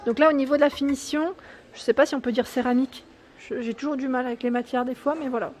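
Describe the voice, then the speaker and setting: A woman's voice: high-pitched, fairly even intonation, quick pace, a little mellow, slight background noise. Chatty woman touring a showroom. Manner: chatty and enthusiastic, with filler "hein" and self-corrections. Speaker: YouTube vlogger. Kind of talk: casual walkthrough vlog. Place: large furniture store showroom, indoors.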